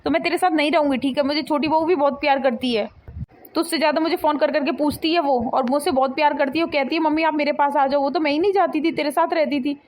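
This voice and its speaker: A woman's voice: sits high, steady tone, quick pace, lightly acted. A woman voicing a nagging, easily offended elderly mother-in-law in a cartoon comedy. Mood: scolding. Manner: scolding, complaining.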